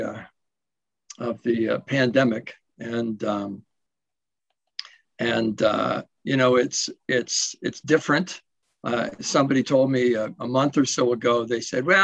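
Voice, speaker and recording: A man's voice: medium pitch, gravelly, a bit bright, no room sound, muffled recording. Rambling self-deprecating man on a video call. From west coast of Canada. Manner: rambling, self-deprecating, many fillers and restarts. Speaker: guest speaker at a recovery symposium. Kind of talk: casual personal share over video call. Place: home in Portugal, late at night.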